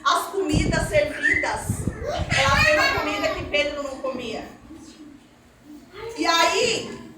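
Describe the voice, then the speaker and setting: A woman preaches her testimony, her voice pitched very high. She tells her story with animated energy and frequent laughter. The recording is distant and booming in a heavily echoing hall, with clear background noise. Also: slow pace, long pauses. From Minas Gerais, Brazil. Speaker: missionary. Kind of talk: testimony sermon to a congregation. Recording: very echoey hall, distant mic, noisy.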